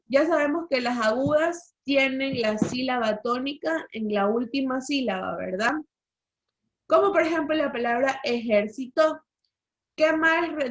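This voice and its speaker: A woman teacher giving an online language lesson, explaining rules and quizzing the class with questions over a video call. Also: a little high. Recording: slightly dull lo-fi call audio.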